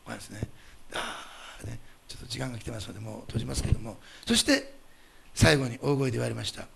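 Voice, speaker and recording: Gravelly, fast-talking male pastor preaching. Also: medium pitch, a little hiss or hum. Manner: animated, emphatic preaching with rhetorical questions to the congregation. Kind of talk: sermon.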